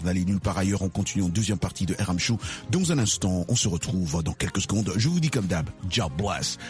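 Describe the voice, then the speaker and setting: A male radio host of Congolese origin speaks with a very lively, swooping voice, stretching and repeating words in a sing-song way. His pitch is in the middle range for a man. Light music plays under the broadcast. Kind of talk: radio interview and show announcements.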